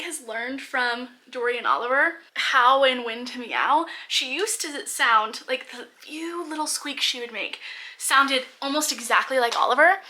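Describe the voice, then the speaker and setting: A woman's voice: high voice, sharp tone. A young woman in her twenties chatting casually to camera about books at home, rambling with lots of fillers. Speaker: book vlogger.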